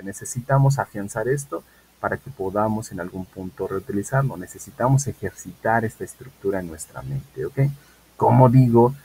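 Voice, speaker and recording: A man teaching an English class online, patiently repeating model sentences slowly and often checking in with "¿ok?". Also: lowish voice, husky, rough recording.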